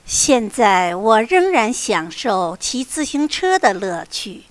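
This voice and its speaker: A woman reading a textbook lesson and its vocabulary list aloud with careful, expressive recitation. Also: mid-range voice, slow, dry recording. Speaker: textbook reader.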